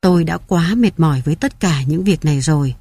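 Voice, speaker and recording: A woman's voice: sits low, a little fast, dark tone, breathy edge, dry recording. A woman narrator voicing a weary, ill elderly mother in an audiobook. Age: older. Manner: tired, plain.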